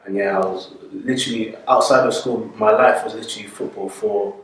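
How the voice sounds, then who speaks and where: A man's voice: fairly low pitch, steady tone, brisk. Young man in a distant echoey street recording. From born in Italy, raised in England. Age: 20s. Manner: rambling, many fillers and restarts. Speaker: interviewee. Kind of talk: casual street interview. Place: outdoors on a street. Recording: echoey, from far off, faint background noise.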